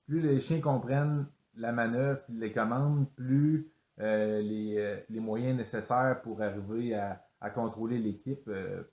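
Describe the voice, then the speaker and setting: A man's voice: medium pitch, fairly even intonation, measured pace, darkish tone, reverberant. A man explaining a sled dog exercise, hesitant with many fillers and restarts. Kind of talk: instructional explanation.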